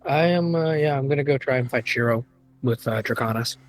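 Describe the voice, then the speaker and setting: A player chatting casually in a tabletop game, eager and excitable. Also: medium pitch, a little fast.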